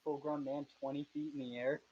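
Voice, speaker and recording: Hesitant game master with a dull mic. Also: male voice, a little high, flat delivery, brisk, a little mellow, slightly rough. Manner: hesitant explaining, many fillers. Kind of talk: running an online tabletop game.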